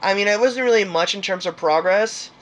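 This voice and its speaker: A man's voice: high voice, fairly quick, fairly bright tone. A young man hosting a gaming channel, chatting casually and hesitantly with many fillers and restarts. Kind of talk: casual game commentary outro.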